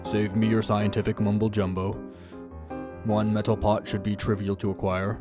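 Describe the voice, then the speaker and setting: A man's voice: on the low side, flat delivery, moderate pace, over loud music, close to an everyday voice. A man voicing a stern, impatient male lawyer in a dry, dismissive way. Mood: gruff. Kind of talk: reading game dialogue aloud.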